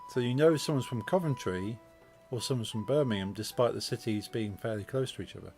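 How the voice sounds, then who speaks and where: A man with a Midlands English accent, chatting casually as a game streamer and speaking with deliberately clear, precise diction. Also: medium pitch, darkish tone, soft background music. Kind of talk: casual chat while gaming.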